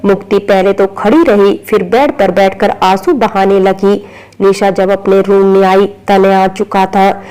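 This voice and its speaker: A woman narrating a romantic drama story in an even, unhurried reading voice. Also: medium pitch, poor audio.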